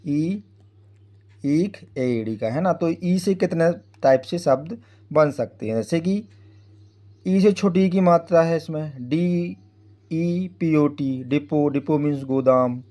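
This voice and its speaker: A man's voice: fairly high pitch, slow pace, dark tone. A man teaching English phonics in Hindi, spelling words out letter by letter and often checking in with the listener. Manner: frequent tag "है ना" checking with the viewer.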